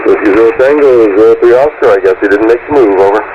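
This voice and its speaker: A low-voiced man reads out clipped call signs and radio procedure, closing each turn with "over". He is heard over a two-way radio like a walkie talkie, the sound dull and muffled. Steady static hisses under every word. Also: rapid-fire. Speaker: radio net station operator. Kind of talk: formal radio procedure calls.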